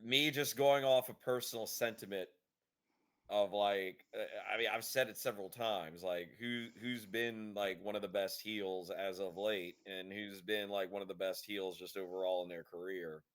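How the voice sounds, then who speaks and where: A man's voice: lowish voice, steady tone, moderate pace, fairly bright tone. A man co-hosting a podcast, sharing opinions in a rambling, casual way. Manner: rambling, many fillers and restarts. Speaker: podcast co-host. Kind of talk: casual chat.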